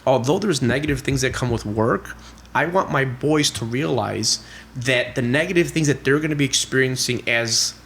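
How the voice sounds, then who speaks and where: In a casual storytelling interview, a middle-aged man who invests in real estate shares family stories as a podcast guest. His voice is mid-range and fairly bright at a normal speed, and he's chatty, full of "you know" and "like," performing family dialogue in quotes, with slight background noise.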